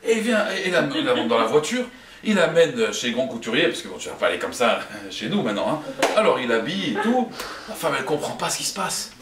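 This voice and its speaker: A man telling a story to an audience in an animated way, laughing often. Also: mid-range voice, fast talker, a crowd in the background. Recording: roomy, from a distance.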